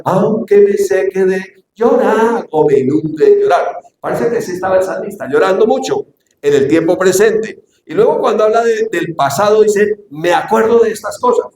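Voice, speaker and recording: Male pastor, higher voice, questioning sermon style, echoey hall with faint background noise. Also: a little mellow. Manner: preaching with frequent rhetorical questions to the congregation.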